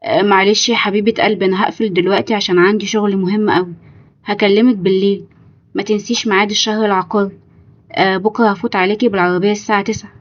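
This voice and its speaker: A woman's voice: mid-range voice, steady tone, rapid-fire, lo-fi sound, lightly acted. A woman with an Egyptian accent voicing a scheming young male fiancé who talks politely, reassuringly and formally. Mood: smooth. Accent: Egyptian Arabic.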